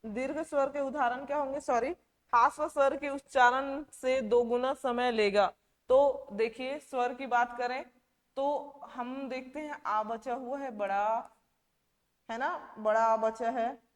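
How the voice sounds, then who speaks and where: Slow-talking high-voiced woman teacher. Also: steady tone, big-room sound. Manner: repeats questions to the class and stretches words slowly. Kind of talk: classroom lecture.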